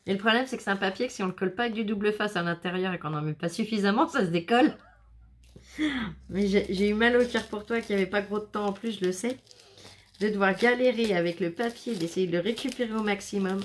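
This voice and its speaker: A woman's voice: medium pitch, fast talker, a little hiss or hum. A woman chatting casually as she unboxes handmade scrapbook albums, exclaiming and laughing often. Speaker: scrapbooking vlogger.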